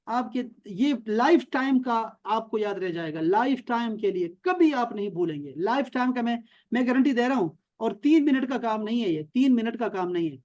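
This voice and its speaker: A man with a notably high voice leads an online language class over a video call. He speaks emphatically, pressing points home. He drills words again and again until they stick. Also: lively intonation, darkish tone. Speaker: Arabic teacher.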